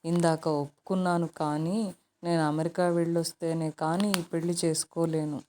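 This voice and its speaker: A spoiled, headstrong young daughter who has just had a baby, voiced by a woman narrator. She sulks and wheedles in a low, soft-edged tone. The delivery stays close to a storybook reading voice. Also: level tone, normal speed, natural voice. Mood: coaxing. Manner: sulky, wheedling. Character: headstrong pampered young woman, new mother.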